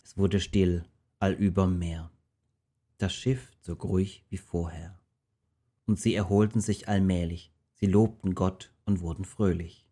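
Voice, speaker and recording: A man tells a Bible story in rhymed verse. His reading is steady and rhythmic, in a lowish, mellow voice. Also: unhurried, slightly rough.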